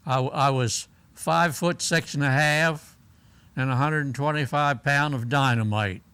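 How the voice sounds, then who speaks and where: An old American man with a clear, smooth voice recalls his days as a veteran. He talks slowly and plainly, feeling his way through the memories, and is recorded close and dry. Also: medium pitch, sharp tone, no echo. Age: elderly, 80s or older. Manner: old veteran remembering, halting, plain-spoken storytelling. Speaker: war veteran being interviewed. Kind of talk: unscripted oral-history reminiscence.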